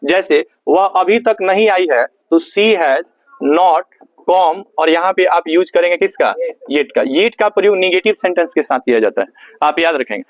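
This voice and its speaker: Bihari guy teaching grammar, kinda high voice, dry close sound, keeps repeating himself. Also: animated, a little slow, dry recording. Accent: Bihari Hindi. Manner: asks questions and answers them himself, repeats key words. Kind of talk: classroom grammar lesson.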